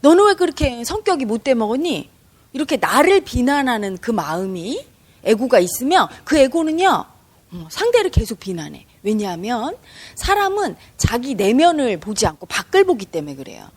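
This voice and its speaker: Woman meditation teacher, emphatic lecturing voice, bright upper register. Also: a little high, big pitch swings, normal speed, slightly rough. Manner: emphatic, conversational, addresses listeners directly. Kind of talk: spiritual lecture to students.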